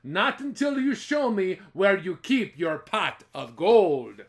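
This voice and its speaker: A man's voice: sits high, sing-song, takes it slowly, heavily acted. A man voicing a lazy, self-pitying husband in a storybook folktale, whining and melodramatic. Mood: triumphant, demanding. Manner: whiny, melodramatic.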